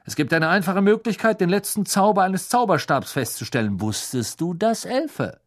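A man's voice: high voice, lively intonation, moderate pace, voice pushed up. Man doing a blustering, suspicious ministry wizard. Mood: accusing. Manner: accusing, blustering, interrogating. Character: stern, suspicious middle-aged male ministry wizard.

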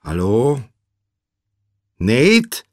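A man voicing a worried man on a phone who shouts and pleads urgently. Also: mid-range voice, big pitch swings, measured pace, no echo, studio quality, pitched above the performer's own voice. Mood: frantic.

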